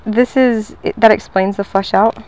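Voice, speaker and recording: Going door to door, a woman sells pest control at someone's front door outdoors, friendly, upbeat and chatty. She has a medium-pitched, darkish voice with a steady tone and normal speed.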